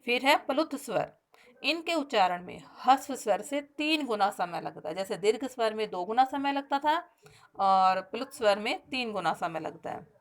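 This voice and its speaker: A school teacher with a slightly high, animated voice gives pupils a recorded grammar lesson, explaining step by step. She asks the class questions and slows down to spell out sounds and example words.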